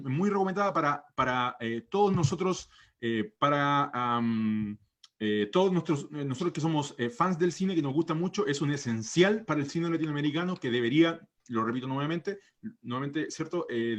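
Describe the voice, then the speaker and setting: A Chilean man hosting an online panel discussion, talking in a hesitant way with many fillers and restarts. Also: a little high. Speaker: host.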